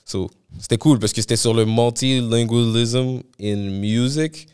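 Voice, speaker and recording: A Montreal musician answering interview questions in relaxed, slangy Québécois French, often switching into English. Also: mid-range voice, measured pace, clean tone. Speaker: musician guest. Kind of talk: casual interview chat.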